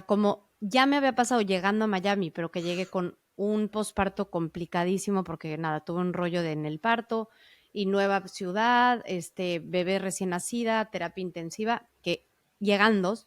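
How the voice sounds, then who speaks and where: A woman's voice: mid-range voice, normal speed, no room sound, clean studio sound. A woman hosting a podcast, telling a personal story casually, with lots of fillers and self-corrections. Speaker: podcast host.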